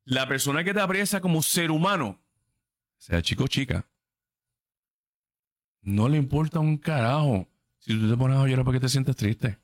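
A man's voice: mid-range voice, expressive, normal speed, long pauses. A man in his thirties talks straight to his listeners in a casual podcast. He is blunt and emphatic and swears freely. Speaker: podcast host. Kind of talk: casual livestream chat.

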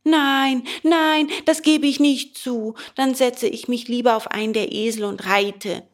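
A woman voicing a wooden puppet boy, easily swayed, in a storybook reading, with a high, pleading childlike voice. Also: fairly even intonation, measured pace. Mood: eager.

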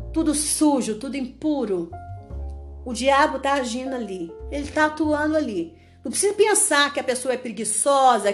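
A woman delivers a fervent sermon, driving her points home through repetition and sharp commands. Her voice sits a little high. Faint instrumental music plays underneath. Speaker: preacher.

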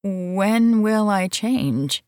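A woman's voice: mid-range voice, animated, very slow, darkish tone, no echo, studio quality, pitched above the performer's own voice. A woman voicing a blunt, caring young woman who talks firmly and directly. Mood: anxious. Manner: firm and direct.

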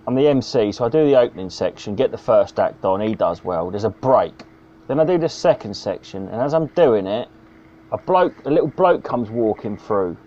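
A man's voice: on the low side, lively intonation, normal speed, warm tone. A man, a stand-up comedian telling a sweary, rambling anecdote on a podcast. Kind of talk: casual storytelling. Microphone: video call. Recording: dull lo-fi video call audio.

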